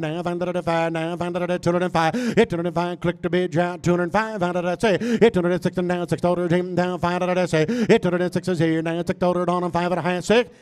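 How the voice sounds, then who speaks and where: Cattle auctioneer, male, high bright chant at breakneck speed, smooth and clear. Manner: rapid rhythmic filler-word chant. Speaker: livestock auctioneer.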